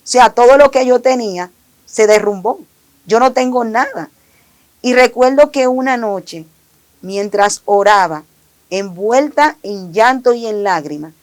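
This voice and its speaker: A woman's voice: mid-range voice, a little slow, a little mellow. A woman giving an earnest, emotional personal faith testimony, often repeating her phrases. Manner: earnest, repetitive, emotional retelling. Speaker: testimony giver.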